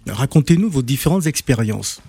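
A man hosting an interview, asking his questions hesitantly with many pauses. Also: medium pitch, sing-song, dark tone, slightly rough, no room sound, faint music behind. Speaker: interview host.

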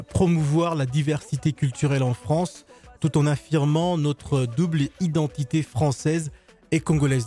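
A man interviewing a guest on air, asking measured, deliberate questions. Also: medium pitch, creaky, warm tone. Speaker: radio interviewer. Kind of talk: radio interview.

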